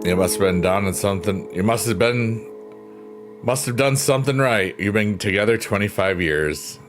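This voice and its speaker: Reading comments from his viewers, a livestream host in his 50s keeps the chat casual and friendly, never rushing. His voice is a deep bass, and clear, chill piano music accompanies him.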